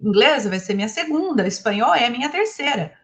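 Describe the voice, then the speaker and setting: A Brazilian woman, a native Portuguese speaker, gives a lively talk as an English teacher, posing questions to her audience. Her voice is a little high and her delivery a little fast and animated.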